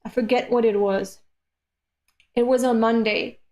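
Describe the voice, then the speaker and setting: A woman in her late twenties talks to her stream viewers in a relaxed, unhurried way. Her voice sits a little high, and she comes across as candid and self-deprecating, swearing casually as she muses. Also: dull audio. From Europe. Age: late 20s. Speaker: streamer reading comics aloud. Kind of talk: casual live-stream chat.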